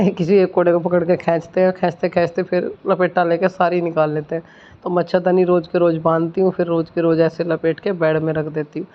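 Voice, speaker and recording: A woman's voice: on the low side, level tone, fairly quick. A woman vlogging her morning routine in a home kitchen, talking through her chores in a chatty, homely way. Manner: chatty, homely, explains while doing chores. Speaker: village vlogger, mother. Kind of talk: casual vlog narration of daily routine. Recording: slightly dull lo-fi audio.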